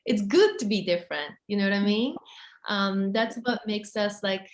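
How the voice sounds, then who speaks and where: This is a halting, soft-spoken woman in her 30s from Japan, a model and author with Japanese as her first language, answering interview questions casually. Her voice sits in the mid range, and she frequently restarts and uses fillers. There is a roomy echo.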